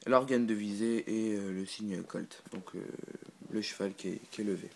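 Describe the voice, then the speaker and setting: A man's voice: lowish voice, fairly even intonation, moderate pace, vocal fry, a little mellow, low-quality recording. A man hosting his own channel, giving a casual unscripted product review full of "euh" fillers and restarts, and laughing at his own slips. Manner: hesitant, filler-heavy, restarts often. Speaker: channel host reviewing a replica gun.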